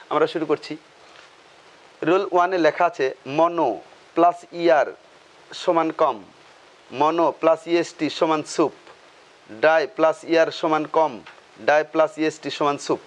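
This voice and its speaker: A man teaching a grammar lesson, asking questions and answering them himself, repeating key terms. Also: on the high side.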